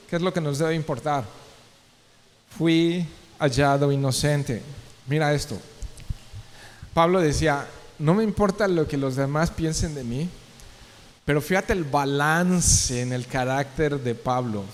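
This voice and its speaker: Male pastor, a bit high-pitched, preaching casually to his church, echoing hall sound. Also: a little slow, slight background noise. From Mexico. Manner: conversational preaching with asides and rhetorical questions. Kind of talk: verse-by-verse sermon. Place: church sanctuary. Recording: long church reverb.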